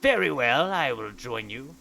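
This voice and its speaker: A man's voice: medium pitch, animated, a little slow, vocal fry, pushed and bright, a little hiss or hum, heavily acted, poor audio. A man voicing a stern old hermit monk, a solemn and cryptic mentor, in a tabletop game. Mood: stern, disdainful. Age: older. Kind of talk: tabletop role-play character voice.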